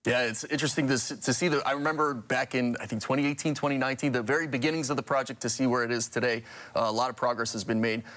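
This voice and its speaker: Quick-talking male morning news anchor. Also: mid-range voice, steady tone, fairly bright tone. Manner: quick, conversational, with restarts. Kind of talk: live studio interview. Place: TV news studio.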